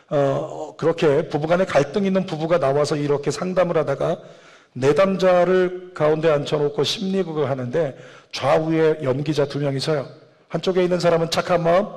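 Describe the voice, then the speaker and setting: Emphatic male pastor, sermon delivery. High voice, long church reverb. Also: brisk, gravelly, darkish tone. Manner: emphatic, preaching with rising fervor. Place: church sanctuary.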